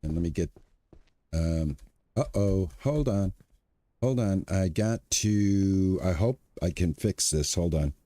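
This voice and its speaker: Slow and warm, with a low pitch and a dry recording, this man in his sixties keeps up cheerful, talkative commentary for his viewers while live-streaming a farming game.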